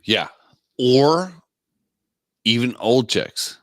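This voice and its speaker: A man's voice: medium pitch, very animated, extremely slow, fairly bright tone, no echo, studio quality. A man co-hosting a podcast, chatting casually, agreeing often and laughing. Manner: laid-back, agreeable, laughs a lot. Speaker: podcast co-host. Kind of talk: casual chat.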